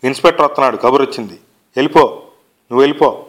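A man reading aloud and voicing a coarse, bossy older woman who orders people about roughly. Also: medium pitch, racing, close to an everyday voice. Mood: brusque. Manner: rough, commanding.

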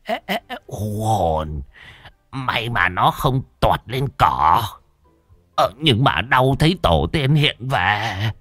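A man's voice: fairly low pitch, big pitch swings, takes it slowly, a bit bright, dry recording, faint music behind, exaggerated voice. A man doing a whiny, groaning old lecher. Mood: whining. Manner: moaning, stammering complaints.

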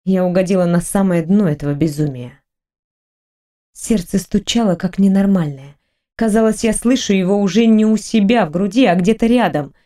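A woman narrating a first-person audiobook in a slow, sensual, intimate way. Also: medium pitch, mellow.

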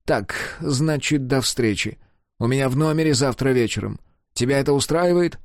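A man's voice: medium pitch, normal speed, no room sound, clean studio sound, voice pushed up, natural voice. A man voicing a proud, hot-tempered young male SS officer who talks in a mocking, scornful way. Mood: agitated.

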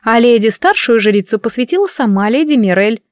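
A woman's voice: fairly high pitch, animated, brisk, no room sound, clean studio sound, lightly acted. A woman voicing a gossipy, prim, wide-eyed young maid with a chirpy, scandalized manner in an audiobook reading.

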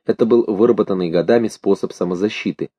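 Dark-voiced man reading a story. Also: on the low side, breathy edge, dry recording. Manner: measured, expressive storytelling in short phrases. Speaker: audiobook narrator. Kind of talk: literary audiobook reading. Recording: dull lo-fi dry recording.

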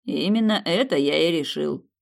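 A reader voicing a self-assured young prince who speaks calmly and teases with slow, mocking lines in an audiobook. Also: mid-range voice, vocal fry. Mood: firm. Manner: calm, unhurried, mocking. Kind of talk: audiobook character reading.

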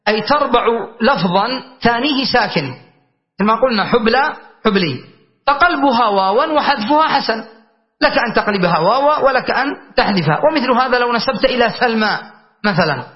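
A man's voice: very high-pitched, expressive, fast. A man teaching a classical grammar lesson, explaining patiently and checking in with his students. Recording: dull lo-fi recording.

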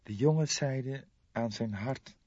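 A man reading an audiobook, voicing a wistful elderly woman in a raised falsetto. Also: moderate pace, no echo, lo-fi sound, close to an everyday voice. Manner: raised falsetto, soft and mournful. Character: elderly woman, sister of a dead crook, wistful.

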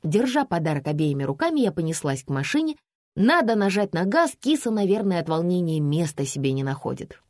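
A woman narrating a storybook in the first person with a lively, wry delivery. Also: lowish voice, a little fast, no echo, clean studio sound. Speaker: audiobook narrator.

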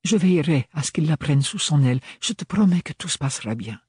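Man putting on a persuasive noblewoman voice, higher up, coaxing, husky, dry audiobook sound. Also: animated, brisk, a little mellow, no echo. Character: persuasive elegant noblewoman aunt.

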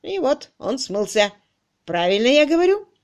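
A woman voicing a brash, blustering male debt collector who speaks loudly and stretches his words. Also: sits high, very animated, voice pushed up. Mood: indignant. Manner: loud, emphatic, drawn-out words.

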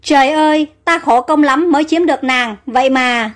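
A proud young prince gives sharp, imperious orders in a storybook tale, voiced by a woman narrator. The voice sits high. Soft music plays underneath. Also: normal speed, close to an everyday voice. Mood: anguished. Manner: commanding, imperious. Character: anguished young male prince, proud and commanding.

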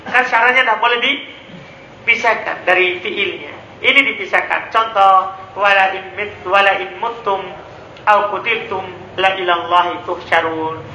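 A man teaching Arabic grammar in a classroom lecture, often stopping to quiz his students with quick questions. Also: sits high, bright, forceful tone, slight background noise. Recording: echoey classroom recording.

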